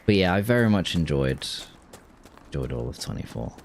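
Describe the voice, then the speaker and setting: A man's voice: extremely low pitch, big pitch swings, normal speed, vocal fry, a little mellow, a little hiss or hum. A man chatting casually while streaming a game, rambling and restarting his sentences. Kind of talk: casual gameplay chat with chat.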